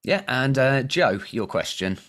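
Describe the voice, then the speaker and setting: A man's voice: mid-range voice, animated, unhurried, a bit bright. A man moderating an online meeting over a video call, friendly and teasing. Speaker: meeting host.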